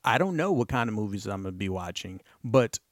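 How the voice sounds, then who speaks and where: A man hosting his own podcast in casual solo talk, excitable and rambling, with playful bursts of emphasis. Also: fairly low pitch, brisk, no room sound, clean studio sound. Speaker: podcast host.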